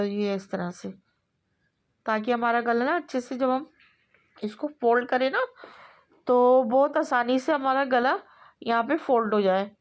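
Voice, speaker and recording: A woman explaining kurti neck stitching step by step in a relaxed, repetitive way, pausing often with fillers. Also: on the high side. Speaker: sewing instructor. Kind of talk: step-by-step tailoring tutorial.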